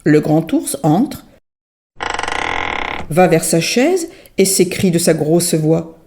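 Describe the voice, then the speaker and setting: A woman storyteller reading a children's story aloud in an expressive, sing-song manner. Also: lowish voice, takes it slowly, noisy background.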